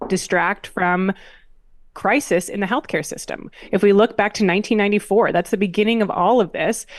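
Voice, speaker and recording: A woman co-hosts a political talk show with animated, sardonic commentary. She is recorded close and dry. Her pitch sits at a middle level. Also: no room sound. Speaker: podcast co-host.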